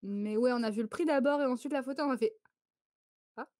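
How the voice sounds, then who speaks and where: A woman from France runs a casual photo quiz for a live-stream audience. Her voice sits slightly high and sounds close and dry with no room behind it. She chats loosely, laughs often and keeps breaking off to greet viewers. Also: a little fast, darkish tone, dry recording.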